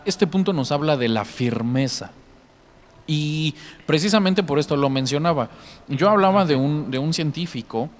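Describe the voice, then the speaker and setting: A man's voice: medium pitch, slight background noise. Earnest man retelling faith testimonies. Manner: earnest storytelling, acting out quoted dialogue. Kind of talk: religious podcast conversation, telling testimonies.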